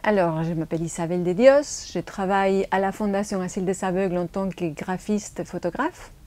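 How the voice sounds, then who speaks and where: A woman from Spain who works as a graphic designer and photographer answers interview questions in plain, slightly non-native phrasing, speaking with a Spanish accent as a native Spanish speaker. Her voice is mid-range and darkish in tone, and she talks briskly.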